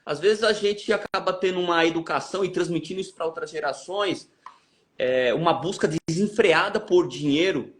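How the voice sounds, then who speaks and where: A man's voice: on the high side, normal speed. A man with a Brazilian Portuguese accent, hosting a podcast and reasoning aloud in a thoughtful, hesitant way. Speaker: podcast host. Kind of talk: reflective interview talk.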